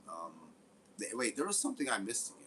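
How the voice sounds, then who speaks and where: A man's voice: fairly low pitch, very animated, quick pace, a bit bright, slight background noise, low-quality recording. A man giving casual, rambling gameplay commentary, swearing often. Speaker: game streamer.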